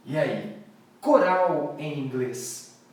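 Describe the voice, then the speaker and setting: A man's voice: on the high side, extremely slow, far from the mic. A Brazilian man teaching English pronunciation live, playfully repeating words for his students to echo. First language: Portuguese.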